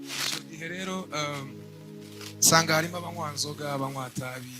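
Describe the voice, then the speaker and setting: A young man from Rwanda giving a church testimony in short, measured phrases, pausing for an interpreter. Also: fairly high pitch, over music. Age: young adult. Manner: measured, speaks in short bursts.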